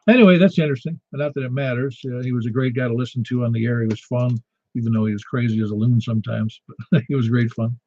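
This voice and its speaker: A man's voice: mid-range voice, steady tone, quick pace, darkish tone, dry recording. Chatty man hosting, slightly dull dry audio. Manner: chatty, informal. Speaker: ham radio net host. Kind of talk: casual net control chat.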